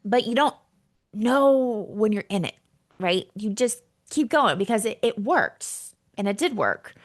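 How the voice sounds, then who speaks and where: A woman in her thirties tells her own story as a solo podcast host. She talks in a frank, casual way and swears now and then. Her voice sits at an ordinary middle pitch. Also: a little slow. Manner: candid, animated, casual swearing. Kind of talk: personal storytelling monologue.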